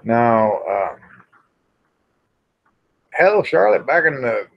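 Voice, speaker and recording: With big pitch swings, drawn-out words, and vocal fry, a medium-pitched American man hosts a rambling, casual livestream chat. He is middle-aged or older, and his style is folksy and plain-spoken, with some mild cussing. The recording sounds dull and lo-fi.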